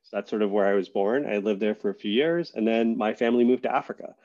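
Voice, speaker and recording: Low-voiced man, relaxed podcast guest. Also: quick pace, muffled recording. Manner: relaxed, thoughtful, many fillers and restarts. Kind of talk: casual interview conversation.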